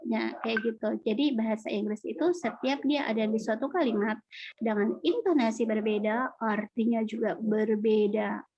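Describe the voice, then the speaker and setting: Indonesian lady teacher going over english grammar, chatty with lots of fillers, higher voice, kinda muffled audio. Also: steady tone, normal speed, darkish tone, no echo. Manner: casual explaining with fillers, reading out student questions. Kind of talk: online class Q&A lesson.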